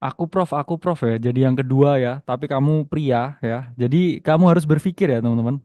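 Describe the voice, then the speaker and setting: A man's voice: mid-range voice, brisk, no echo, lo-fi sound. A young man with an Indonesian accent hosts an online trading webinar in a casual, teasing way, reading the chat aloud and tagging his lines with "ya". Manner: chatty, teasing, reads chat aloud, many tag "ya". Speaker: webinar host and trading teacher.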